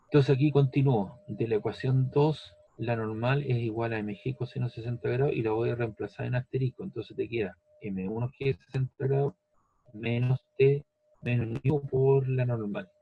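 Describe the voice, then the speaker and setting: A man's voice: mid-range voice, steady tone, moderate pace, gravelly, breathy edge, muffled recording. A man teaching a physics lesson step by step, patient, repeating each step and checking that the student follows. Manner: patient, repeats steps, asks "¿ves?" and "¿cierto?".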